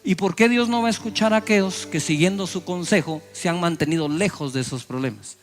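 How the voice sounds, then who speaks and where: Middle-aged male pastor, high-pitched, theatrical sermon delivery, light music underneath. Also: fairly quick. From Guatemala. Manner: dramatic preaching, acting out people's prayers in raised voices.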